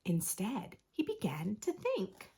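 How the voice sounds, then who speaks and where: Reading a storybook to preschoolers, a woman narrates expressively with big, sweeping rises and falls in pitch. Her pace is unhurried, with dramatic pauses and stretched-out key words, all in a gently husky voice.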